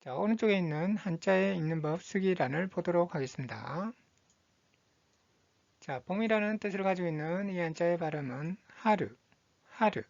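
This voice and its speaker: A woman teaching Japanese vocabulary, reading each word slowly and repeating it twice in a patient, methodical drill. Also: on the low side, expressive, vocal fry, a little mellow, no room sound, dull audio. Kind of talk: slow, deliberate vocabulary drill.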